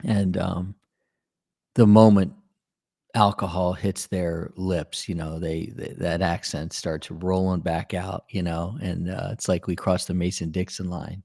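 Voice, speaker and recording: A man's voice: sits low, level tone, a little slow, vocal fry, mellow, no echo, clean studio sound. A male podcast host from the Maryland area, chatting casually and joking, with lots of fillers. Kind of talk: casual interview talk.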